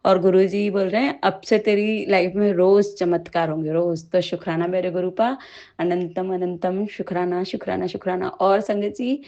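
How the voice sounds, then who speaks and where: Woman, tearful, gravelly edge, devotional testimony, soft prayerful close. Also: on the low side, fairly even intonation, normal speed, dull audio. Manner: tearful, softening into quiet prayer. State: crying.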